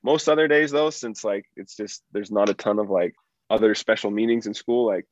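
A man with a fairly low voice chats casually in a laid-back, slangy way. His R's slip toward W. The recording is close and dry, though somewhat dull and lo-fi. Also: brisk, dry recording. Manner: trouble pronouncing R sounds, saying w for r. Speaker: guest, school teacher and girls' basketball coach. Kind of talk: casual chat.

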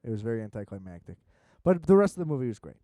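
A man chatting casually with friends, animated and swearing, laughing often. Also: mid-range voice, rapid-fire, no echo. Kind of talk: casual chat.

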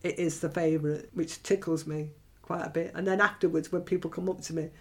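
A woman's voice: low voice, brisk. A middle-aged woman poet talking candidly and bluntly about her writing, with many restarts and frequent laughter. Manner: blunt, chatty, frequent restarts and self-corrections; animated, laughs often. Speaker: writer and performance poet. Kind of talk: candid personal monologue.

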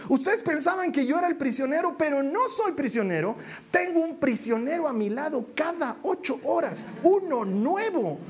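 Give me a preacher acting out a joyful, defiant prisoner apostle in a high, lively voice. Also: male voice. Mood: triumphant. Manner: exuberant, rhetorical, speaking in first person as the prisoner. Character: apostle Paul, chained prisoner, joyful and bold. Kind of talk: sermon role-play.

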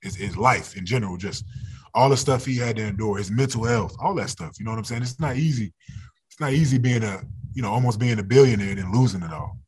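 A man's voice: lowish voice, fast, darkish tone, breathy edge. A man in his thirties, a football player as guest, talking candidly in a casual interview, laughing often and restarting his words.

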